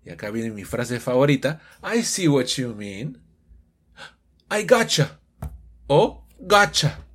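Male English teacher, husky, bouncy lively delivery, playful. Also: medium pitch, slow, long pauses. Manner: animated, switches between explanation and English example phrases; playfully acts out students' questions in raised voices. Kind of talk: online English lesson for Spanish speakers.

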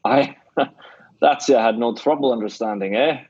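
An actor playing a shrewd, blunt middle-aged Scottish theatre owner, with a Scottish accent, in an old-time radio drama. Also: male voice, mid-range voice, measured pace, darkish tone, breathy edge, dry recording. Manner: blunt, scolding, sly. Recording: dull dry lo-fi radio recording.

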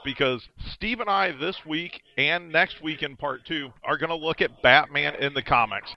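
A man's voice: a little high, highs cut off. A man hosting a show, talking in a casual conversational interview style. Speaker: show host.

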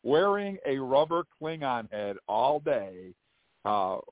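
A man's voice: medium pitch, very animated, takes it slowly, no room sound. An American man hosting a live call-in fan podcast with a folksy showman's way of presenting. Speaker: podcast host. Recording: dry, narrow phone-like podcast audio.

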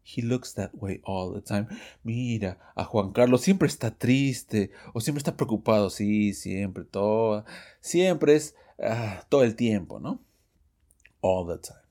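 A man teaching English phrases in a Spanish-language lesson podcast, lively and self-correcting, reading the example sentences slowly. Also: on the low side. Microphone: studio microphone, audio only.

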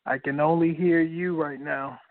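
Caller on a dry, tinny phone line; man with a slightly high voice, repeats phrases while checking the sound. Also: fairly even intonation, unhurried, dry recording. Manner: repeats himself, plainly checking what he hears. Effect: thin phone-line sound. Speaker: caller testing a phone connection.

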